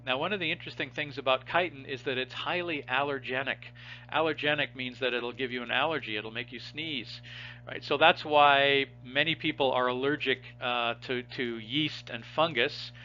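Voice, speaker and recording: A man's voice: mid-range voice, moderate pace, sharp tone, muffled recording, slight background noise. A man teaching a biology class, explaining step by step and asking his students rhetorical questions as he goes. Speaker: biology instructor. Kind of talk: recorded lecture.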